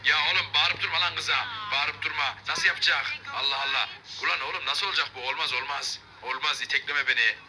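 A man hosting a game video, commentating and role-playing in an animated, joking way. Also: on the high side, a little fast, few pauses, background noise. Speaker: gaming video host.

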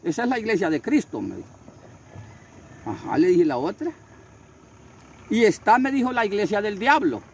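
An older man tells his story with fervor, repeating his phrases and acting out each voice. His voice is husky and high, and it leaps through a wide range. Crickets chirp faintly behind him outdoors. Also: very animated, moderate pace, long pauses. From Honduras. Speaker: street preacher. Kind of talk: storytelling interview.

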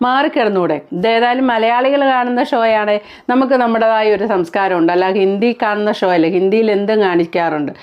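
A woman's voice: mid-range voice, brisk, clear, resonant tone, muffled recording. A woman from Kerala giving blunt, critical reality-show commentary as a vlogger, full of rhetorical questions.

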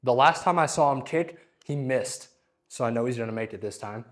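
A man's voice: medium pitch, brisk. A man trading jokes and casual talk while working out in a gym. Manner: joking, goofy, deadpan wordplay.

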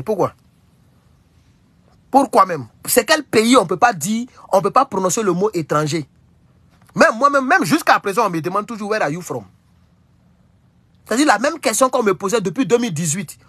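A young man with an Ivorian French accent holds forth on a casual livestream, lively and rhetorical, firing the same question back several times. His voice is husky and a little breathy. The sound is dry and close, with no room around it. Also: high-pitched, no room sound. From Côte d'Ivoire. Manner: animated, rhetorical, repeats questions. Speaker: livestream host.

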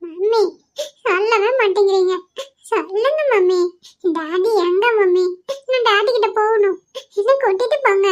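A woman's voice: extremely high pitch, steady tone, moderate pace, pitched above the performer's own voice. A woman doing a small boy sobbing for daddy. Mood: tearful. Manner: whiny, sobbing, pleading. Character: small boy crying for his father.

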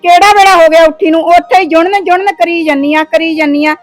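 A woman's voice: very high voice, steady tone, brisk, no echo, soft background music. A woman playing a bossy sister-in-law who scolds and orders people around. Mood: scolding. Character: bossy sister-in-law, sharp-tongued and demanding. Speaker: actor. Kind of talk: village short-film acting.

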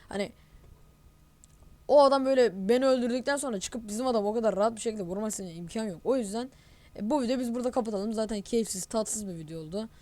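Talking straight to her audience, this channel host narrates her gameplay live and vents her exasperation about someone she suspects of cheating. The woman's voice is fairly high in pitch with a darkish tone, and there's no echo.

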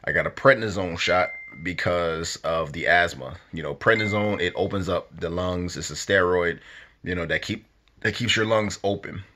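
Male vlogger, low-pitched and forceful, slangy and direct, casual advice to camera. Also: moderate pace, a little hiss or hum. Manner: slangy, direct, addresses viewers as his crew. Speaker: vlogger giving life tips.

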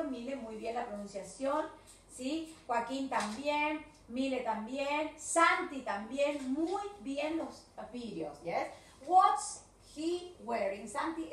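A woman with a Rioplatense Spanish accent teaches children an English video lesson, switching between English and Spanish, repeating words encouragingly and often checking they understand. Her high voice is slow and drawn-out for the kids. She's recorded from a distance in an echoey room with faint hiss.

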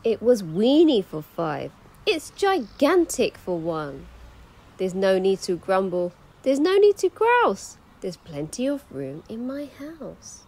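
A woman's voice: very animated, slow, a little mellow, exaggerated voice. A woman voicing a fussing, flustered little old lady in a children's storybook reading, pleading and exclaiming. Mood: delighted. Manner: exclaiming, pleading, rising to high squeals.

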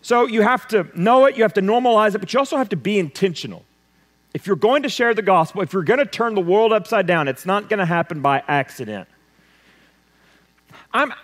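A man preaches from the pulpit, his somewhat high voice carrying a long church reverb. He drives his points with loud emphasis, then drops to a hushed, intense delivery. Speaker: pastor. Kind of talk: sermon. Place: church sanctuary.

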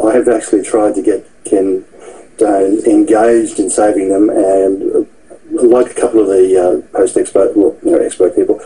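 Low dark-voiced man. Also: poor audio. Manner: halting, with many fillers. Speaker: event organiser.

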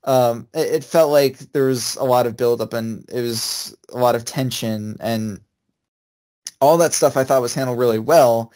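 Halting young man chatting about movies. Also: medium pitch, darkish tone. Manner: halting, restarts often. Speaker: co-host. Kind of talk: casual chat.

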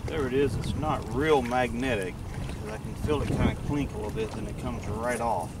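A man's voice: medium pitch, a little fast. Middle-aged man thinking aloud outdoors. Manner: matter-of-fact, thinking aloud while working. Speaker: vlogger magnet fishing. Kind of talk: casual running commentary. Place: outdoors on a lake dock. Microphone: camera mic, filmed from a few feet away. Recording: distant camera mic, loud wind and water noise.

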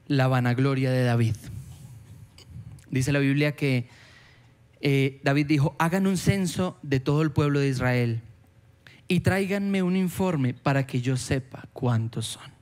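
Animated male preacher voicing quoted lines. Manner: animated, acts out quoted voices with jumps in pitch. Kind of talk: sermon. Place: church.

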